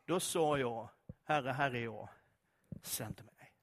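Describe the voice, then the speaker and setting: A man preaching a sermon, reading scripture and talking to listeners in a conversational way full of direct questions. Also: mid-range voice.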